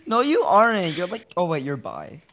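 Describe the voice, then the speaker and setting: A woman's voice: on the low side, background noise. A young woman asking the questions in a casual online chat, giggly and gushing, over voice chat. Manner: giggly, bubbly, gushes. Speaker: question asker.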